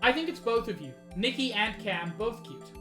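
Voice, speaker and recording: A woman's voice: a little high, expressive, moderate pace, sharp tone. A woman game streamer chatting casually with viewers while reading a game aloud. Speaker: streamer playing a visual novel game. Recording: roomy sound, game music behind. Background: game music.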